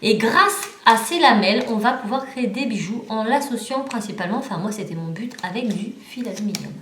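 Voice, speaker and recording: A woman's voice: a little high, expressive, fairly quick, fairly bright tone, echoey room, a little hiss or hum. A woman with a southern French accent chatting casually as she reviews craft supplies from a parcel, with lots of fillers and restarts. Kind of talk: casual chat.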